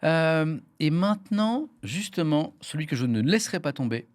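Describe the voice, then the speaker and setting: A man's voice: fairly high pitch, sing-song, moderate pace, no echo. A man hosting a live studio talk show, playfully teasing his guests and running a little quiz. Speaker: host.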